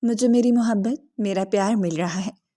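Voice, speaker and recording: A woman's voice: mid-range voice, mellow, lightly acted. Possessive young lover, earnest and insistent, read by a woman narrator. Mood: intense pleading. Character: possessive young man, intense, pleading lover.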